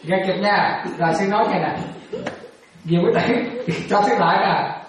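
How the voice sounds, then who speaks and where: A Buddhist teacher with a lowish voice gives a dharma talk at normal speed, repeatedly quizzing her students in a casual way and chuckling as she goes. The mic sits at a distance in a very echoey room, with crowd noise audible.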